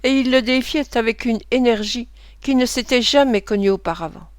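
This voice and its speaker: A woman narrating a classic novel for an audiobook in a steady, measured way. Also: fairly high pitch, dry recording, clean studio sound. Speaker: reader.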